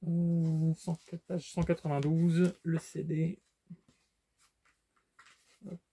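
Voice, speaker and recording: A man's voice: a little high, flat delivery, takes it slowly, creaky, mellow, husky. A man casually showing his book collection in a vlog, talking with lots of fillers and restarts. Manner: hesitant, many fillers and restarts. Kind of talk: casual unboxing vlog chat.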